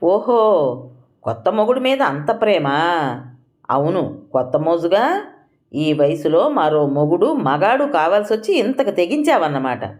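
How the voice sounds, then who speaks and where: A woman reading an audio story, voicing an angry young adult son who shouts his scorn at his mother. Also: lowish voice, big pitch swings, unhurried, long pauses. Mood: furious. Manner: shouting, contemptuous.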